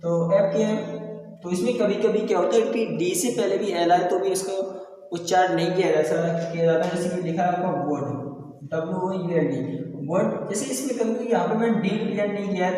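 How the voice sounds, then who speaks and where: A man's voice: high-pitched, dark tone, a little hiss or hum. A man teaching an English pronunciation lesson, repeatedly quizzing his students and addressing them affectionately as children. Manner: repeats questions to students, calls them beta. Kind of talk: classroom lesson on silent letters. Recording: echoey classroom from far off.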